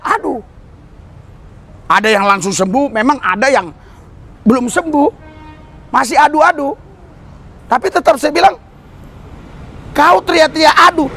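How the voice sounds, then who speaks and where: A man's voice: very high voice, a bit bright. A man preaching a sermon to a congregation outdoors under a bridge, exhorting them and calling for their amens and hallelujahs. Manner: exhorting, calls for amen and hallelujah, addresses the crowd as "saudara".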